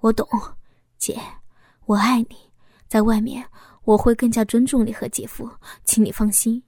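Brief: a woman playing a young male lover, teasing and eager, whispery and hushed, set just a bit lower than her own high voice, close and dry. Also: level tone, moderate pace, vocal fry, no room sound. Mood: earnest. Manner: soft, whispered, playful.

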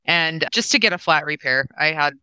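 Woman in her forties, bright voice, smooth and clear, dry close sound, emotional storyteller. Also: deep voice, animated, normal speed, no echo. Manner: emotional, acts out quoted dialogue. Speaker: guest, nonprofit co-founder. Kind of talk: casual conversational storytelling.

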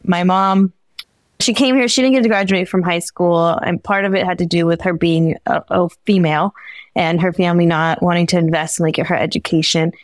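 A woman's voice: on the low side, fairly even intonation, a little fast, no room sound. A young woman from the Bay Area, a podcast guest talking casually, laughing often and using lots of fillers. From San Francisco Bay Area. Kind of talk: casual interview talk.

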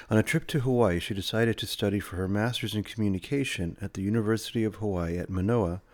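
A man with a low voice hosts a podcast, reading sponsor spots and a guest introduction before easing into conversation. He speaks in a close, dry sound and leans on ums and uhs when talking off script. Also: darkish tone, no room sound. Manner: hesitant, many fillers in conversation. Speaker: podcast host.

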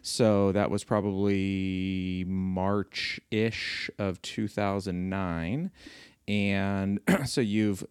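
A man's voice: deep voice, steady tone, drawn-out words, clear, resonant tone, no echo, studio quality. A man in his forties hosting a casual podcast at home, rambling and correcting himself as he teases his wife. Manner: rambling, self-correcting, teasing. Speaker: podcast host. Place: living room floor at home.

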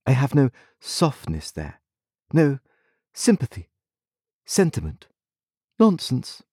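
A man's voice: mid-range voice, huge pitch swings, slow pace, a little mellow, husky, no echo, clean studio sound, pitched above the performer's own voice, full character voice. A man voicing a cold, proud young woman with a disdainful, composed manner in a storybook reading. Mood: haughty.

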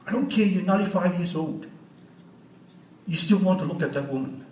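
A man's voice: sits high, a little fast, darkish tone, a little hiss or hum. A man of sixty giving an unscripted church teaching as a guest speaker, earnest and often asking the audience questions. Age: 60s. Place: church hall. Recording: roomy hall audio from a distance.

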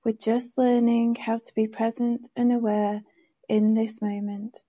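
Female meditation guide: soft, very warm and dark timbre, drawn-out calm delivery. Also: on the high side. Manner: gentle, soothing, unhurried instructions.

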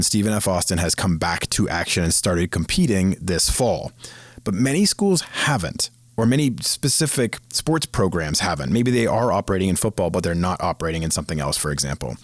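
Fast-talking deep-voiced podcast host man. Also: no room sound. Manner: fast-talking, casual and chatty. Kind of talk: career advice podcast monologue.

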